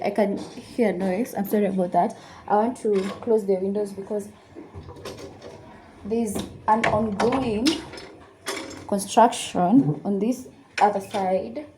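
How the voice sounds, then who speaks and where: At home, a lifestyle YouTuber in her 20s chats casually with viewers while doing her makeup, mixing Swahili phrases into her English in a get-ready-with-me video. Her voice is mellow and medium-pitched, with slight background noise.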